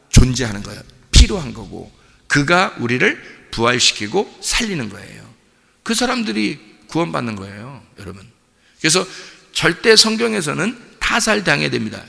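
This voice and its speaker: A man preaching a dawn sermon as pastor, animated, asking the congregation questions and acting out the people he speaks of. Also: a little high, gravelly, in a large hall. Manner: animated preaching, acts out voices, asks the congregation.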